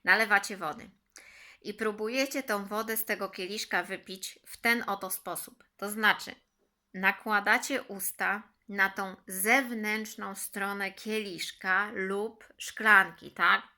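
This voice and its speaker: A middle-aged woman talks informally to her viewers. Her voice is bright and clear-cut in tone, at an ordinary female pitch. She explains things in a casual, slightly halting way. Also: fairly even intonation. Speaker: vlogger sharing a home health tip.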